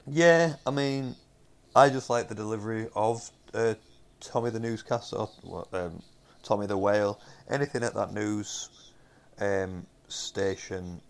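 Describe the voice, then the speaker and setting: A man's voice: fairly low pitch, measured pace. A young man with a Northern English accent chatting casually about TV episodes, rambling with lots of ums and restarts. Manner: rambling, many fillers and restarts. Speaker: podcast co-host. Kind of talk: casual chat reviewing TV episodes.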